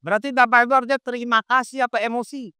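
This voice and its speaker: A man delivers a lively sermon, constantly testing his listeners with quick questions. His voice is bright and crisp. The sound is dry and close. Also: very high-pitched, no echo. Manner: quizzes the audience with quick rhetorical questions; lively, conversational preaching. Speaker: Islamic preacher. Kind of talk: sermon to a congregation.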